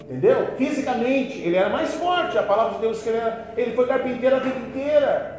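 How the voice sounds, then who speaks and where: A man pastor preaching a sermon, telling folksy humorous stories and swinging between loud emphasis and quiet asides. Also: very high-pitched, fast, slight background noise. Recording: echoey hall with faint music.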